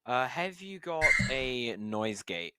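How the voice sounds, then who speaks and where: A man in casual chat on a voice call, giving blunt instructions, his volume uneven and dropping quiet then loud. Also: medium pitch, big pitch swings, slow, very noisy. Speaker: friend on a voice call helping with mic setup.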